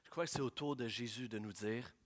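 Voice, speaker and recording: A young man preaching a sermon, telling stories in an animated way and slipping in English phrases. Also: mid-range voice, fairly quick. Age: young adult.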